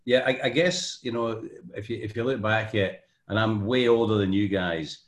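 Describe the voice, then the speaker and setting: An older Scottish man chats as a podcast guest, his fairly low voice winding through anecdotes full of ums and false starts. The recording has a noticeably roomy echo. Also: steady tone, moderate pace. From Scotland. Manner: rambling anecdotal storyteller, many ums and restarts. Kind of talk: casual podcast chat.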